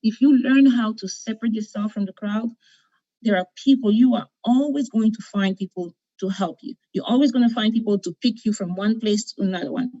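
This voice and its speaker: A woman's voice: a little high, fairly quick, warm tone. A woman from Cameroon, not a native English speaker, giving an encouraging talk on a video call, often repeating herself and checking in with "okay?". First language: not English; French second language. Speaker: conference speaker. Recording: dull lo-fi video call audio.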